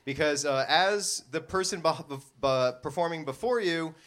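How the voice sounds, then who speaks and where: A man's voice: on the high side, normal speed, a bit bright. Rambling self-mocking man co-hosting a comedy show.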